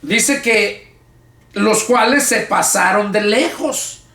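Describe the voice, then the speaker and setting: A man's voice: high voice, slow, bright, forceful tone, roomy sound, far from the mic. A male pastor leading a Bible study, reading scripture aloud and then explaining it in casual, everyday words with frequent restarts. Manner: casual, colloquial speech with repeated restarts.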